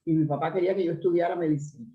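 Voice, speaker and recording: A middle-aged Cuban woman with a strong, resonant voice, telling stories in a lively conversational interview. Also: fairly low pitch, racing. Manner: animated storyteller, lively asides. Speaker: actress, interview guest. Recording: roomy, slightly dull recording.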